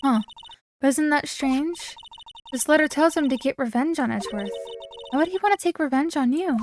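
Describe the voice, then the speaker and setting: An eager young girl sidekick, as a woman puts her on while reading the game. She asks quick, excited questions in a high voice. Faint game music sits behind her. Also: natural voice. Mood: puzzled. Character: excitable young female spirit medium sidekick. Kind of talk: reading game dialogue aloud.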